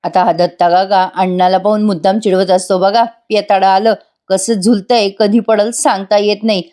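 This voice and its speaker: A woman's voice: medium pitch, flat delivery, moderate pace, warm tone. A woman narrating a scripted voice-over recap of a TV serial, talking straight to her viewers. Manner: chatty, addresses viewers directly.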